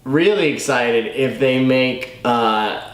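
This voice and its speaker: A man's voice: mid-range voice, takes it slowly. Informal man chatting in a roomy space. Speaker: co-host of a movie review show. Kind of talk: casual review chat. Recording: roomy, echoey room.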